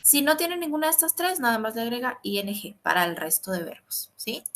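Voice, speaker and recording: Woman language teacher, bright tone, patient and repetitive, spells things out. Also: a little high, sing-song, brisk. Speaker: English teacher. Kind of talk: recorded online grammar lesson.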